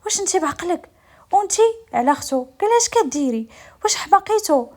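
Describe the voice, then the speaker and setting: A woman voicing an angry young man who shouts in shock at his mother, in a Moroccan accent. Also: extremely high pitch, animated, quick pace, voice pushed up. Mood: outraged.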